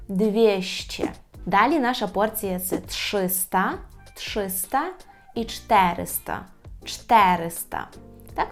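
Woman language teacher, patient and explanatory, mid-pitched voice over soft music. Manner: explains patiently, checks with "так?" and "правда?", repeats words slowly. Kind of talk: language lesson.

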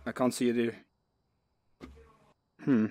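A man's voice: medium pitch, level tone, a little slow, dark tone. A man streaming a game with a teammate, swearing and laughing, casual chat.

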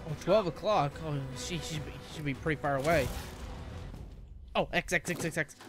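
A man's voice: fairly high pitch, moderate pace, over music. Young man laughing through gameplay. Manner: chatty, reactive, keeps saying "oh man" and laughing. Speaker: gaming commentator. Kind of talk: casual let's-play commentary.

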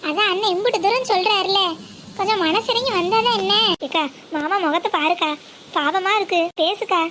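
A woman performing a rural family drama, switching rapidly between several characters with emotional dialogue. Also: extremely high pitch. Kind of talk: village family drama, voicing many roles. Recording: faint background noise.

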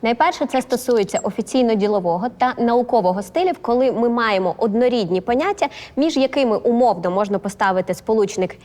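A woman language expert giving measured, instructive explanations. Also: a little high, expressive, a little mellow. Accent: Ukrainian. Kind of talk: explanatory commentary. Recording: studio with long reverb.

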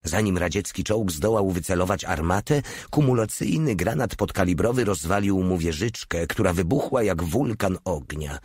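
A man narrating an audiobook in a steady, measured reading. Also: low voice, husky, dry recording, studio quality.

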